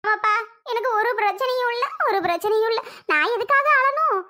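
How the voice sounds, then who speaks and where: A woman's voice: animated, brisk, exaggerated voice. A woman voicing a tearful, aggrieved elderly mother in a cartoon, wailing and complaining. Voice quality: wailing, complaining, high and bright. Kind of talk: animated cartoon voice acting.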